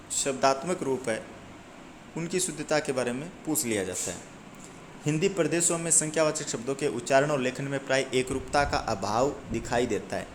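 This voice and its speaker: A man's voice: on the high side, a little hiss or hum. Man teaching Hindi grammar step by step. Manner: explains step by step, often rephrasing and asking and answering his own questions; reads out lists of number words one by one. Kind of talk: explaining a lesson to exam students.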